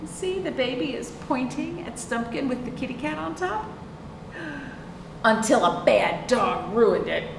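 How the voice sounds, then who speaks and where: Reading a picture book at an easy pace, this storytime librarian lets her pitch rise and fall in lively swings. She performs it expressively and asks the young children questions. Audio is roomy and distant-miked, and background noise is clearly audible.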